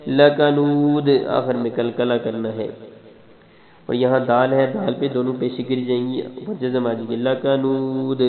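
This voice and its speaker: A man teaching Quran recitation rule by rule, explaining briskly and methodically. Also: medium pitch. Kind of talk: step-by-step recitation instruction. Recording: tinny, echoey, phone-like sound.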